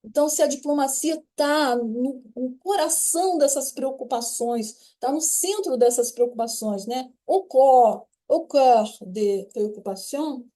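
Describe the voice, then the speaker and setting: Brazilian woman teaching with a mellow voice. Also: high-pitched, unhurried, hardly any pauses. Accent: Brazilian Portuguese. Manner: explanatory, checks in with "certo?" and "né?". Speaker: French teacher. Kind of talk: recorded online lesson.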